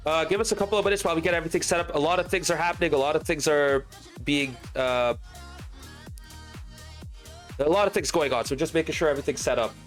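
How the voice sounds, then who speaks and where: A man commentating a video game match live and hosting the stream, getting excitable and shouting at big plays. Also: fairly high pitch, fast, long pauses, faint music behind. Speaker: esports commentator and stream host.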